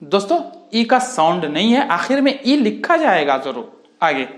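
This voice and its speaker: A man, teaching English vowel sounds in a slow lesson and repeating each word with "okay" and "friends". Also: sits high, big pitch swings, reverberant. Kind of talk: spoken phonics lesson.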